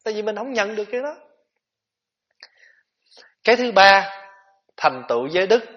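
A man giving a gentle, conversational Buddhist dharma talk, with rhetorical questions for his listeners. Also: high voice, sing-song, moderate pace. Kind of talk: sermon. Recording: dull lo-fi tape recording.

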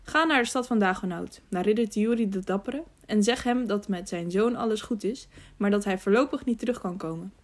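A woman's voice: mid-range voice, fairly quick, hardly any pauses, close to an everyday voice. A woman gives voice to a young noble squire hiding in the woods, earnest and pleading. The voice is sincere and careful, as read in a storybook. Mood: urgent.

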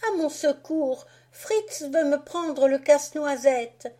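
Marie, a woman doing a high pleading little girl. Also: slow, warm tone. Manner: high, crying out.

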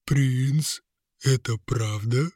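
Мужчина озвучивает волшебный говорящий мешок, спокойного и строгого опекуна. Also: male voice, mid-range voice, very slow, breathy edge, no echo, clean studio sound. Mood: calm. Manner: calm, stern. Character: stern calm magical talking sack, guardian. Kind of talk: audiobook character voice.

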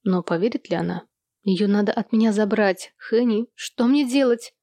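A woman reading an audiobook, voicing a prim, hysterical middle-aged woman who complains in a shrill, sobbing way. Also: moderate pace, warm tone, no room sound, lightly acted. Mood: anxious.

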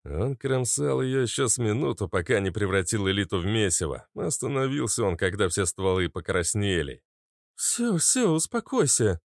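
A man narrating a fantasy audiobook in an even, measured reading. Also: fairly low pitch, gravelly, no room sound, studio quality. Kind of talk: scripted narration.

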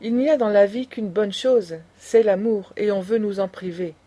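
A woman's voice: mid-range voice, normal speed, warm tone, natural voice. A woman reading a scornful old grandmother. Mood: impassioned. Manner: impassioned, lecturing. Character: indignant aristocratic old grandmother, proud and scornful.

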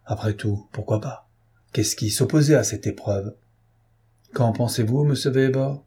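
A man's voice: medium pitch, unhurried, warm tone, husky. Man reading a fussy, insistent investigating judge. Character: fussy, self-important male investigating judge.

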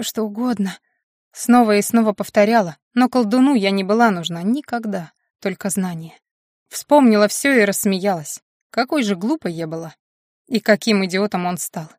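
A woman narrating a first-person fantasy audiobook with a steady, expressive reading. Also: medium pitch, moderate pace, no room sound, clean studio sound.

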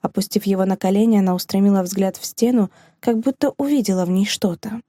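A woman narrates a novel in a measured, even audiobook delivery. Her voice is mellow and dark in tone, mid-pitched, and recorded very dry and close to the mic. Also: no echo.

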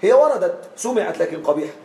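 A man teaching Arabic grammar to a class. He often checks that his students follow along and draws out the example forms slowly. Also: high-pitched, sing-song, mellow, roomy sound, poor audio. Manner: checks on students with frequent questions; drawn-out slow spelling of example forms.

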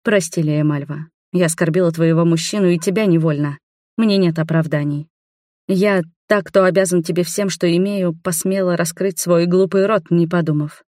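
A woman's voice: fairly low pitch, fairly even intonation, moderate pace, warm tone, dry recording, studio quality, lightly acted. A woman reading as a blunt, dutiful palace servant. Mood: contrite.

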